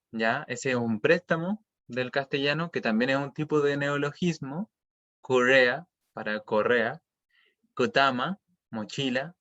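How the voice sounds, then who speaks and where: A man's voice: mid-range voice, fairly bright tone, dull audio. A man teaching an online language class, explaining patiently and checking often that students follow.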